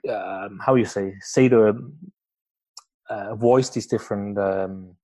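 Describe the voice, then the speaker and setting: A man hosts a podcast interview in casual conversation, laughing often and using many fillers and restarts; he is from Switzerland and doesn't speak English natively. His low voice is warm, fairly even in intonation, and he takes things slowly.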